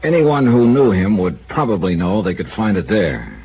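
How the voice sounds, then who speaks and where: A very animated man with a fairly low voice, speaking at normal speed, portrays a hard-nosed, blunt 1950s insurance investigator on the radio. He probes with dry, pressing questions, and the old broadcast sounds tinny and hissy.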